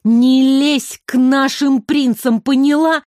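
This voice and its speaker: A woman voicing a fiery, hot-tempered young woman student who shouts sharply. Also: a little high, expressive, measured pace, dry recording, clean studio sound. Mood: angry.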